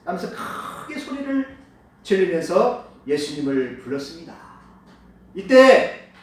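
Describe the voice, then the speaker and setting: Male pastor, high and lively sermon voice, echoey hall, mic at a distance. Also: a little slow, slight background noise. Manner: emphatic preaching, swinging between loud calls and hushed asides. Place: church sanctuary.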